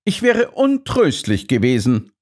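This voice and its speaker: A man voicing a sharp, aloof detective who speaks dryly and curtly in an audiobook. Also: medium pitch, huge pitch swings, a little slow. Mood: cool, dry. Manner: dry, detached, curt.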